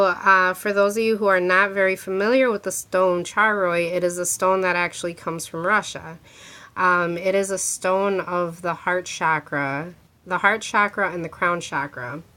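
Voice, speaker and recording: A woman with a cold, congested and sore-throated, talks casually to the camera while showing viewers a handmade crystal ring. Her voice is lowish, bright, and forceful, and she restarts often and uses plenty of filler words.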